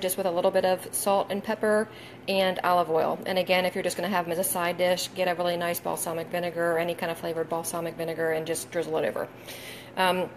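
In a casual live video, a woman in her forties talks her viewers through meal prep in her kitchen, friendly and chatty with frequent ums. The phone is held in her hand. Her pitch is fairly low, with slight background noise.

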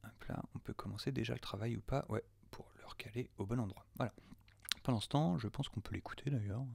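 A man's voice: fairly low pitch, fast talker, vocal fry, a little mellow, husky, no room sound. A man from France, an audio producer, casually testing an app on screen, chatty with lots of fillers and muttered asides. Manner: chatty, many "euh" fillers, mutters asides half under his breath. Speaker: audio producer demoing software. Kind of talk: casual screen-recorded software test.

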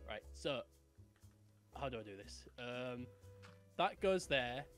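A man casually chatting while playing a game, thinking aloud and bursting into excited shouts. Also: medium pitch, takes it slowly. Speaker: gaming channel host. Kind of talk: casual gameplay chat. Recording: light background music.

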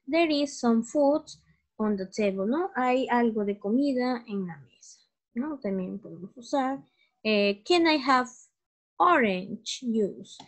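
Patient teacher, woman, slightly high voice, drills words one at a time. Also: animated, measured pace. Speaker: English teacher. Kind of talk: bilingual grammar lesson.

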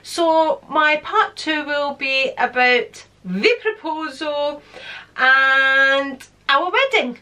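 A high-voiced woman in her fifties speaks extremely slowly, chatting and rambling to camera as a channel host in a casual vlog. Born in London, England, she has a Scottish accent with some London Greek in it, and she gestures expressively with her hands. She's at home in a room lined with shelves of handbags.

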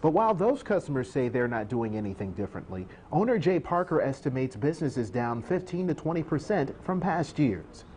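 A man delivering a scripted news report voice-over in a measured way. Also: medium pitch, big pitch swings, background noise.

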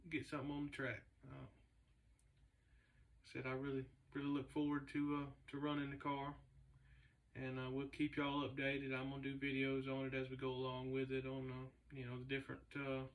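A laid-back man talks in a flat, even tone and stops often for fillers. He sits in a large garage shop, and his voice comes from a camera several meters away, so it sounds distant and roomy. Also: medium pitch, moderate pace. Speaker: race car builder and shop owner. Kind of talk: casual vlog talk. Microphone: camera a few meters away.

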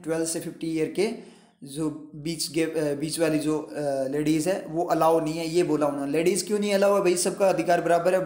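Guy teaching english in hindi, high voice, keeps asking the class questions, roomy echo. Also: a little mellow. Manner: explains step by step, asks students rhetorical questions. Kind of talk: Hindi-English exam lesson.

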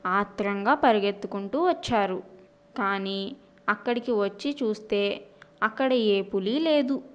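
A woman narrating a children's story in an expressive storytelling manner. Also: medium pitch, lo-fi sound.

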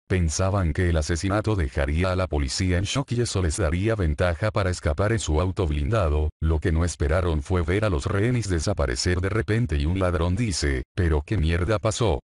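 Male storyteller; deep, steady read, dry booth sound. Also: a little fast, few pauses, no room sound. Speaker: narrator. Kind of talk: reading a fan story aloud.

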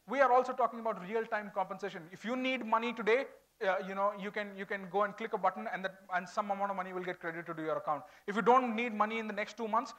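High voice, Indian accent, man, fast pace, informal stage talk, corporate speaker, conversational. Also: bright, forceful tone, low-quality recording. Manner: informal, switching between English and Hindi. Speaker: corporate HR speaker at a college event. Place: large auditorium stage.

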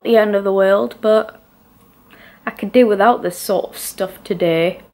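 A woman's voice: medium pitch, unhurried, rough recording. A young woman from England chatting casually to her camera for her vlog, upbeat and talkative, filmed in her car and at home. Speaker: vlogger. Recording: loud background noise.

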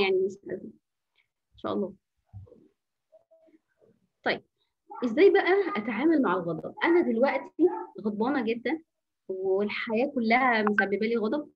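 A woman with an Egyptian Arabic accent runs an informal anger-management workshop as a teacher, talking at a quick clip. Her voice is a little husky and breathy and sits slightly high. She coaches through rhetorical questions and mixes in English phrases, and the audio is dull and lo-fi like an online session. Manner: coaching, asks rhetorical questions and answers them.

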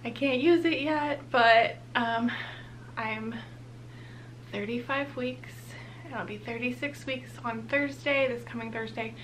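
A woman's voice: on the high side, steady tone, slow, fairly bright tone, a little hiss or hum. A young woman, heavily pregnant and a bit out of breath, chatting casually through a product unboxing as a vlogger. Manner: chatty, upbeat.

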